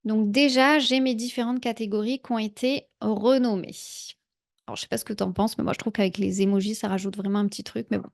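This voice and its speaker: Chatty woman with vocal fry. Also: mid-range voice, steady tone, fairly quick. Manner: chatty, many "heu" fillers, speaks directly to viewer. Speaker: productivity tutorial creator. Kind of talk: casual screen-share tutorial.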